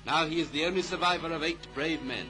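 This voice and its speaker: The narrator is a British man whose voice sits on the high side and who moves at a quick pace, delivering scripted, clipped commentary for a 1930s newsreel. It's a vintage soundtrack with background music.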